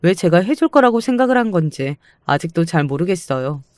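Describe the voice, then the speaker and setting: Calm woman narrating a family story. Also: lowish voice, a little fast, dry recording. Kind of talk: first-person radio story narration.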